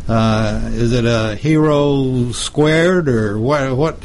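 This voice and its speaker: American man, mid-pitched, halting casual talker. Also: a little mellow, a little hiss or hum. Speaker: interview host. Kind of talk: casual chat.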